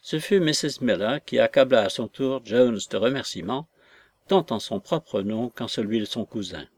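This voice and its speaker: A man narrating a classic novel in a measured, deliberate reading. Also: medium pitch, lively intonation, darkish tone, dry recording. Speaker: audiobook narrator. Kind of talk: scripted narration.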